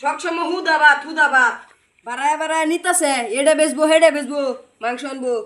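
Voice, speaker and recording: A woman's voice: a little fast, a bit bright. Woman playing a whiny sulking village son. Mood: whining. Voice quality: high and whiny. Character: sulky young son demanding goat meat. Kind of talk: village comedy sketch.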